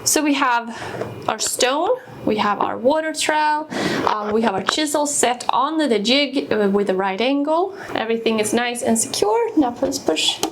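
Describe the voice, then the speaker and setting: A woman's voice: a little high, normal speed, very noisy. A woman, casually walking through a tool demonstration in her workshop, explaining each step with fillers and restarts. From Sweden. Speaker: woodworking video host. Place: home woodworking workshop.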